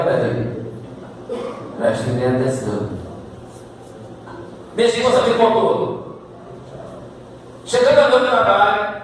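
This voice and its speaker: Brazilian male preacher, high voice, far off in a reverberant church hall, animated sermon delivery. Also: slight background noise. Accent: Brazilian Portuguese. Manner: animated, swings from low asides to shouted climaxes. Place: church sanctuary. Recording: echoey church hall, distant mic.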